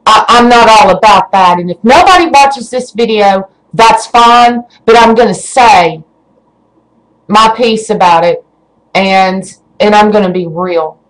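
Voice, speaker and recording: A woman vlogger giving an emotional webcam rant, stammering as her anger rises into shouting. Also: medium pitch, measured pace, poor audio. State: shaking with rage.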